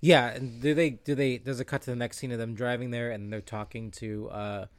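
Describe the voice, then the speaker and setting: A man's voice: mid-range voice, fairly even intonation, a little fast, no room sound. A man co-hosting a casual chat, asking lots of questions to check ideas with the others.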